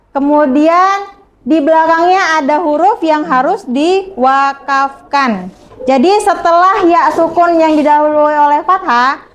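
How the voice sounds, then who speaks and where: A young woman teaching a class, speaking slowly and patiently and checking often that the students follow. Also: sits high. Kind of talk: classroom lesson.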